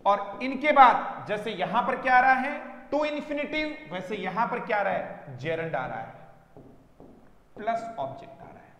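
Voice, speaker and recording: High-voiced male teacher in an echoey room. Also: very animated, normal speed, fairly bright tone. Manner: addresses students as dear children, drills with questions. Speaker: English grammar teacher. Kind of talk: classroom lesson. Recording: echoey room with long reverb.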